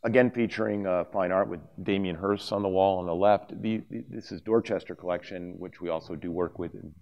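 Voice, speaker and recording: Middle-aged man, very low voice, conference presenter at a lectern, loose and conversational, trips over his words now and then. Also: fairly even intonation, brisk, vocal fry, lo-fi sound. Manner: conversational, with many fillers and restarts. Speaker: conference speaker. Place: conference hall stage, at a lectern. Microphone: lapel mic.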